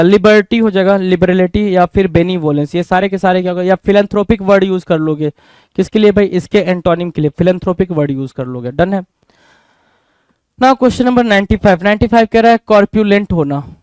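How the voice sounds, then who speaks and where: A man's voice: high-pitched, a little mellow, clear, resonant tone, dry recording. A man with an Indian accent teaching English vocabulary in an exam-prep lesson, often asking the class a question and answering it himself.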